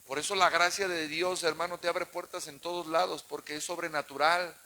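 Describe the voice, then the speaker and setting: A Mexican pastor preaches with fervent emphasis, his voice sitting a little high for a man and ringing bright and forceful. He keeps pressing the congregation with questions to check that they are following him. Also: fairly even intonation, a little fast. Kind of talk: sermon.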